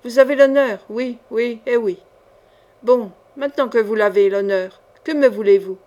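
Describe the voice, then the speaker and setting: Woman voicing a swaggering young knight, brusque, mocking, storybook reading, fairly high voice. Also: normal speed, mellow, lightly acted. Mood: impatient. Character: bold, witty young swordsman knight.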